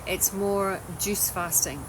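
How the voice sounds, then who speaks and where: Speaking slowly in a mid-range voice, a woman from Scotland chats on a livestream from her Australian home. She's a wellness coach with a Scottish accent, relaxed and talkative, frequently starting sentences over against a noisy background.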